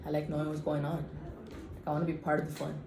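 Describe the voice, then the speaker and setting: A woman's voice: deep voice, completely flat delivery, very fast, echoey room, noisy background. A woman of about twenty co-hosting a casual Q&A vlog, speaking frankly and chattily and teasing herself. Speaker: vlog co-host.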